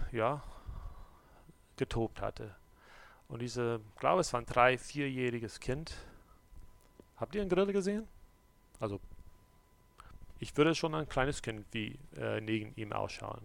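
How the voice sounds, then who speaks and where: A pastor preaches a sermon, swinging between loud, urgent exhortation and quiet, close address while putting direct questions to the listener. His voice is medium in pitch with vocal fry.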